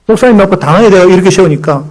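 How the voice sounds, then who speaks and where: A man preaching a Sunday sermon as pastor in a church. He leads the congregation through call-and-response recitations and tells stories in an animated way, acting out the quotes. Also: high-pitched, rapid-fire, poor audio. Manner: animated storytelling with acted-out quotes. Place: church sanctuary.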